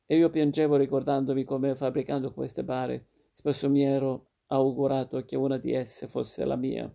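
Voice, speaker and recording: A man narrating a literary short story in a steady, measured reading. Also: medium pitch, creaky.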